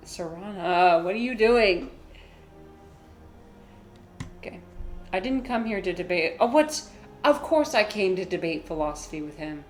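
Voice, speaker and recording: A woman giving casual, rambling commentary as she plays a video game, with vocal fry in her voice. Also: fairly low pitch, roomy sound. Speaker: streamer playing a video game.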